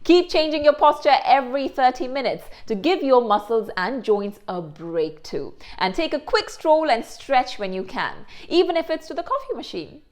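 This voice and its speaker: Lively woman presenter. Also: high voice, normal speed, hardly any pauses. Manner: clear, careful explanations with occasional Hindi asides. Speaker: host. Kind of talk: instructional presentation.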